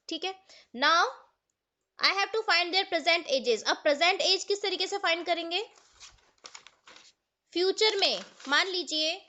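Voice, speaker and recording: Bright-voiced Indian woman teaching maths. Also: very high-pitched. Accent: Indian English. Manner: explains step by step, asks the students questions, mixes Hindi and English. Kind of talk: online class lecture. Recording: dull lo-fi online class audio.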